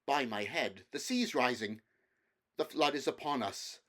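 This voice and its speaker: A man's voice: mid-range voice, animated, a little slow, pushed and bright, pitched above the performer's own voice. A man voicing a noble young prince in a storybook reading, with archaic, formal, declamatory speech. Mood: urgent alarm.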